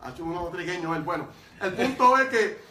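A man telling his testimony as a preacher, lively and emphatic, with frequent fillers. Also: high voice, a little fast. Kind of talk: storytelling testimony. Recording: roomy sound from far off.

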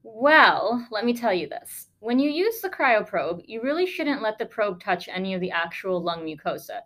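A woman's voice: medium pitch, very animated, moderate pace, fairly bright tone. A woman podcast host, a lung doctor, telling a case story in a conversational, emphatic way with sarcastic asides.

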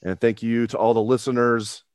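A man's voice: medium pitch, fairly even intonation, normal speed, a little mellow, clean tone, no room sound. A man hosting a sports podcast, joking and playfully exaggerating his complaints in a friendly way. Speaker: podcast host. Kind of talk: casual sports podcast chat.

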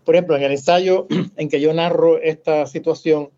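Man, Cuban–Puerto Rican accent, dark voice, slightly raised pitch, hesitant academic panelist, dull lo-fi sound. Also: fairly even intonation, normal speed. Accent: mix of Puerto Rican and Cuban Spanish. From Cuba. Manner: hesitant, many filler sounds. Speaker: scholar on a panel. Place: lives in Miami.

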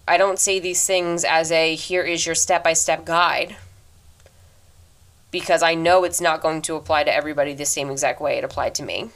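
A woman in her twenties hosts a solo podcast, offering casual advice in an earnest, reflective way into her microphone. Her voice is deep yet a bit bright, and she talks fast by habit.

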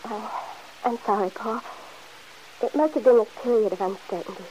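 An actress with a somewhat high but dark-toned, natural voice plays a fretful young mother torn by guilt in an old-time radio soap opera, speaking at normal speed. She sounds hesitant and pleading, anxious and wistful. The lo-fi vintage broadcast recording carries a steady hiss.

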